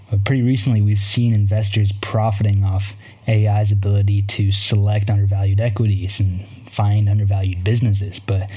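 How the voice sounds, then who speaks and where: A man hosting a podcast, giving market commentary in a measured, explanatory way. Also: fairly low pitch, dark tone, low-quality recording. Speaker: podcast host.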